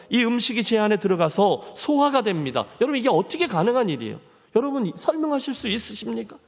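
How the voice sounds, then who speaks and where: Male pastor preaching, high lively voice, big echoey church hall. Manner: earnest storytelling, addressing the congregation directly. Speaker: senior pastor. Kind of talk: sermon. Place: church sanctuary. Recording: long reverb of a church hall.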